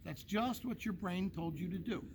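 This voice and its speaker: Gravelly, high-voiced man coaching dog owners. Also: normal speed, noisy background. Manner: folksy, explains with homely analogies, checks in with "okay?". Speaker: dog trainer. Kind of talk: casual instruction to a dog owner.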